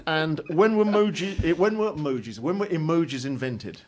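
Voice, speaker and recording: A man's voice: fairly high pitch, lively intonation, brisk. A man hosting a quiz segment, playful and laughing as he asks questions. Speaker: quiz host. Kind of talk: radio quiz banter.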